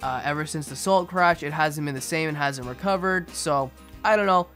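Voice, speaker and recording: A young man giving a casual aquarium update voice-over in a monotone, restrained way. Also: fairly high pitch, normal speed. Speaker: fishkeeping video host. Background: music behind the voice.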